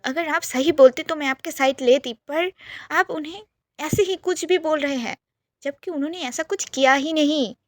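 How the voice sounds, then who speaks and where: An earnest young woman, soft-hearted yet stubborn, who pleads her case quickly and insistently, as a woman narrator voices her. Her voice is high and dry, close to the mic. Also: no room sound, lightly acted.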